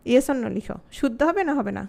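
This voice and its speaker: A woman with a high voice and a Bangladeshi Bengali accent teaches an online grammar class. She asks the students many questions and says example words slowly, one by one, before she explains the rule. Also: expressive, vocal fry, dark tone.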